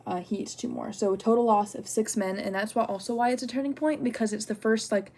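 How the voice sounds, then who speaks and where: Young woman student, casual and rambly, mid-pitch voice, lots of "like" and "um," candid. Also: lively intonation, fast talker, dark tone. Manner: chatty, lots of "like" and "um"; candid, gets worked up retelling personal story. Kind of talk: casual spoken assignment response.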